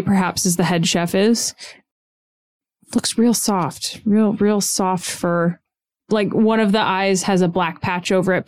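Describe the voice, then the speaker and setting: Female tabletop player, middle pitch, musing description. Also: darkish tone. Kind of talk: describing her character in a tabletop game.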